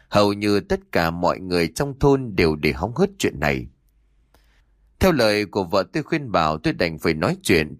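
A man narrating a horror audiobook in a slow, dramatic storytelling manner. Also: deep voice, no echo, clean studio sound.

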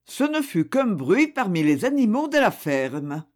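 Slow, expressive storybook narrator. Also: medium pitch. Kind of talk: scripted narration of a children's story.

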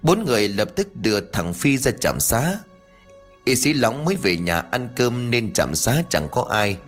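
A male audiobook narrator reading a ghost story with a lively, animated voice that rises and falls. Faint music plays under his narration. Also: mid-range voice, measured pace. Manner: expressive, does all character voices.

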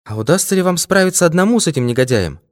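A man's voice: on the high side, animated, very fast, no echo, pitched above the performer's own voice, natural voice. Man putting on a nervous young woman, earnest, raised airy voice, dry close sound. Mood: alarmed. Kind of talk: audiobook character voice.

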